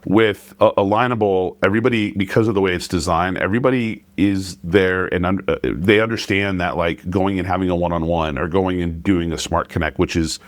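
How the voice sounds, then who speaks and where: A man's voice: deep voice, a little fast, hardly any pauses, no echo. A middle-aged man hosting a podcast, talking in a thoughtful, hesitant way in a casual interview. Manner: hesitant, many fillers and restarts, thoughtful. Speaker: podcast host.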